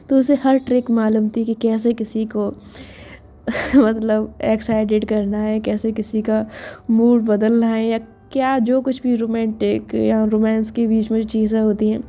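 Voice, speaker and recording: Woman chatting through a love story, higher voice, very mellow and flat. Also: a little slow. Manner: chatty, intimate retelling with many fillers. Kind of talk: casual romance story narration.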